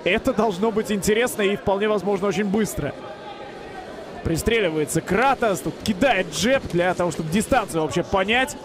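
A man giving excited live commentary on a fight as a commentator. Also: high voice, moderate pace, a crowd in the background.

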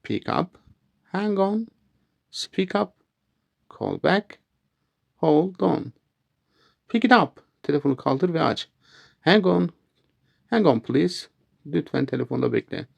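A man teaching a language lesson, saying English phrases slowly and clearly and then giving their meanings. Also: fairly high pitch, lively intonation.

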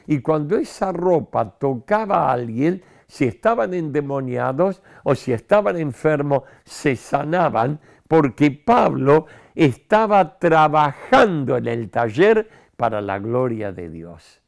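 Older male pastor, studio sermon to camera, emphatic and animated, gravelly tone, unhurried. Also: medium pitch. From Argentina. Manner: animated, emphatic, talks with his hands. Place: studio set with city backdrop. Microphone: lapel mic.

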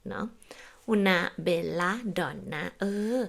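Gentle creaky-voiced woman teacher. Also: lowish voice. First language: Thai. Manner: gentle and encouraging, often switching into slow spoken Italian; adds a soft confirming particle to many sentences. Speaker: Italian teacher. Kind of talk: casual language lesson.

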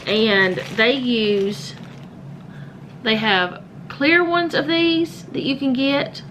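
A woman's voice: a little high, extremely slow, fairly bright tone, a little hiss or hum, rough recording. A woman, chatting casually at home as she films with a handheld phone and shows household items, rambling and correcting herself as she goes. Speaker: home vlogger. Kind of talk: casual show-and-tell vlog. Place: home, indoors.

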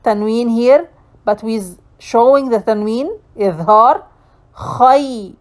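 A woman leads a tajweed lesson at a very unhurried pace. She recites each phrase syllable by syllable with a somewhat high voice and breaks in with short corrections on pronunciation. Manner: slow, drawn-out syllable-by-syllable recitation with brief corrections. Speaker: Quran recitation teacher.

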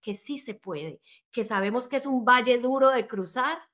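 A woman's voice: a little high, normal speed, fairly bright tone. A married woman coach telling her own story in an interview, earnest and motivational, often checking in with "right?". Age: adult, married with children. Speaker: life and business coach, podcast guest. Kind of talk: conversational interview, personal story.

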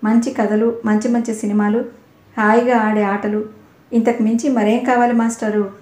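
A woman's voice: a little high, level tone, normal speed, darkish tone, echoey room, lightly acted. A woman reading a naive young girl. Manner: innocent, earnest. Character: naive innocent teenage girl.

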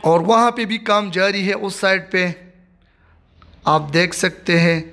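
A vlogger with a high, sharp-toned voice speaks a little slowly while touring an outdoor stadium construction site. He films on a handheld phone and offers repetitive, plain narration.

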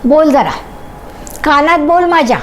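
A woman's voice: sits high, a little slow, slight background noise, low-quality recording. A woman voicing a nosy, hard-of-hearing grandfather of ninety-five who keeps asking questions. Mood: questioning. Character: deaf, nosy 95-year-old grandfather. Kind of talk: storybook character voice.

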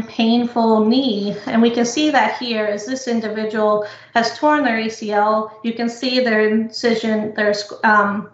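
Woman presenter, higher voice, explaining carefully over a muffled, echoey call. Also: a bit bright. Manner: explanatory, measured, frequent uh fillers. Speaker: physical therapy researcher presenting. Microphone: computer mic on video call. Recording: echoey lo-fi video call audio.

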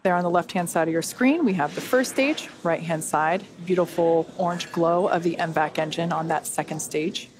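A woman's voice: lowish voice, moderate pace, few pauses. A woman hosting a launch webcast, giving conversational, explanatory live commentary. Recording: faint background noise.

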